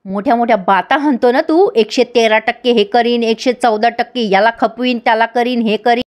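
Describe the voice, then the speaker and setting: A blustering male gangster boss scolds and taunts in a scornful tone, as a woman reads his lines. The voice sits fairly high. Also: normal speed, close to an everyday voice. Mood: scolding.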